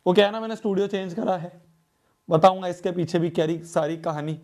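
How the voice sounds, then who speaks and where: A man's voice: sits high, fairly quick, vocal fry, a little mellow. A man teaching a live online class, chatty and repeating his phrases as he checks in with students. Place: home studio.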